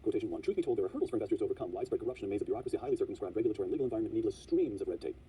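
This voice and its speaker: A man's voice: on the low side, expressive, rapid-fire, warm tone, distant mic, slight background noise. A man hosting an interview, asking probing questions, reading quotations aloud and cutting in often. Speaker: interview host.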